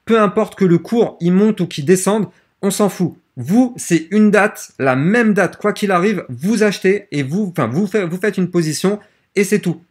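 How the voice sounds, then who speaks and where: A man's voice: sits high, expressive, moderate pace, breathy edge. A man hosting a casual screen-share tutorial who explains step by step in a chatty way and often stumbles and restarts mid-sentence. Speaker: crypto tutorial host.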